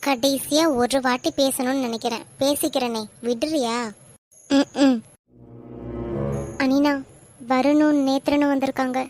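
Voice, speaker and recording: A woman voicing young women in an animated love drama, speaking with a Kanyakumari Tamil accent in an emotional way. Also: high voice, a little slow, pauses often, faint music behind. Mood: arguing. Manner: emotional, tearful at times. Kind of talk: animated web series voice acting.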